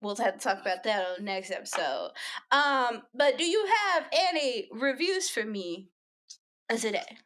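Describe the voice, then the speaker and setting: Young woman, podcast co-host, slightly high voice, animated storyteller, casual chat. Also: normal speed. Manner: animated storytelling, laughs often.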